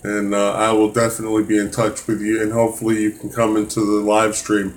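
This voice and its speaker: A man's voice: lowish voice, monotone, brisk. A man teaching a live-streamed test prep math lesson, casual and encouraging, with many fillers and restarts.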